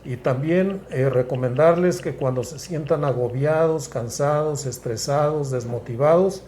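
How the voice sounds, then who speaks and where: A man, a psychiatrist guest explaining things in a measured, step-by-step way with frequent restarts. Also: fairly high pitch, mellow, a little hiss or hum. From Mexico. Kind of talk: explanatory interview talk.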